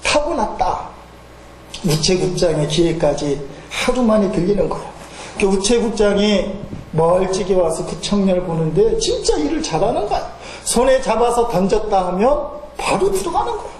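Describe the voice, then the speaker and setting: A male pastor tells folksy anecdotes in a sermon, sprinkling in fillers and acting out the voices of the people in his stories. His voice sits high for a man. It rings through a reverberant church hall over faint room noise. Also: sing-song, moderate pace, darkish tone. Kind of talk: sermon with storytelling. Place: church sanctuary.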